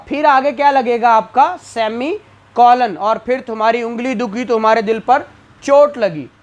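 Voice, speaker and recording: A man giving a classroom lecture as a law exam tutor, asking questions and answering them himself. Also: very high voice.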